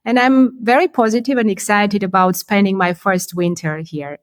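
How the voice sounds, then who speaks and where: Woman, measured and thoughtful. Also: mid-range voice, fairly even intonation, no room sound. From Armenia. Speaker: podcast guest, company CEO. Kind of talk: remote podcast interview.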